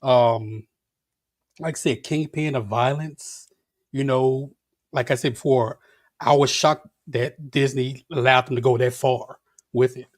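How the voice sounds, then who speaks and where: A man's voice: mid-range voice, fairly even intonation, unhurried, dry recording. A man in casual talk, rambling through his thoughts with lots of fillers and laughter between points. His voice sits mid-range and sounds dry and close to the mic. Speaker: show panelist. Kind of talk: casual chat.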